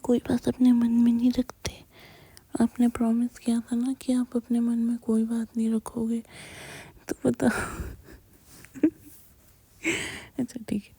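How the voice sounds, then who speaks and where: Up close to the mic, a woman whispers an intimate girlfriend roleplay, speaking softly and directly to the listener. Her voice is on the high side with a breathy edge, and there's no room sound.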